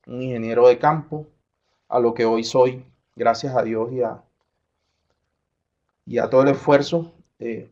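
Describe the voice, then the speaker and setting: A man's voice: medium pitch, a little mellow. Middle-aged Colombian coastal man, conference talk. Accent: Colombian coastal Spanish. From Colombian Caribbean coast. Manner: conversational, with frequent fillers and self-corrections. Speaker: conference speaker. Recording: slightly dull lo-fi sound.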